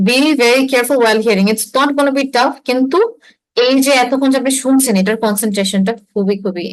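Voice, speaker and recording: In an online lecture, a young IELTS instructor with a fairly high-pitched voice explains concepts, dropping English phrases into her speech. The audio quality is rough.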